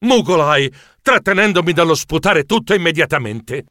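A man's voice: a little high, animated, normal speed, pushed and bright, dry recording, clean studio sound. A man narrating a children's story in a playful, theatrical way. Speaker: audiobook narrator.

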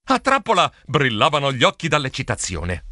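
A man narrating a children's storybook in a theatrical way, with sound effects and drawn-out words. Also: mid-range voice, wildly swooping pitch, bright, forceful tone, no room sound, studio quality. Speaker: storybook reader.

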